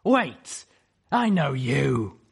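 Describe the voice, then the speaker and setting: A man voicing a cold, dismissive female griffin commander who speaks flatly. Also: medium pitch, extremely slow, vocal fry, breathy edge, pitched above the performer's own voice, exaggerated voice. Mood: cold, curt. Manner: flat and curt.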